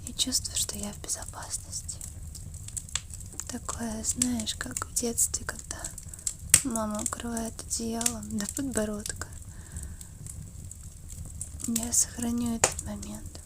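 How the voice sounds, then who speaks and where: A woman in a whispered role-play as an affectionate, wistful girlfriend, murmuring slowly and intimately between a whisper and a soft voice. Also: on the high side, flat delivery. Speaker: ASMR role-play performer.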